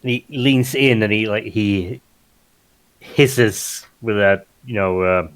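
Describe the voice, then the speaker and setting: A man's voice: on the low side, slow pace. A man speaking in character in a tabletop role-play game and narrating his character's actions, with many restarts and fillers.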